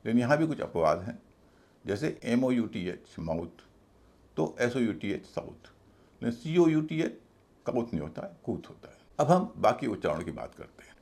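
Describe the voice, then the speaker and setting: Gravelly Hindi-speaking pronunciation teacher. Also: male voice, medium pitch, big pitch swings, darkish tone. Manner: spells out letters slowly, then stresses each pronunciation. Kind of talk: explanatory video lesson.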